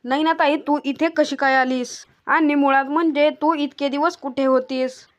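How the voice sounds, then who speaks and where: A woman voicing a young wife who insists she is innocent, read in a flat way. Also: sits high, measured pace. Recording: dull lo-fi recording.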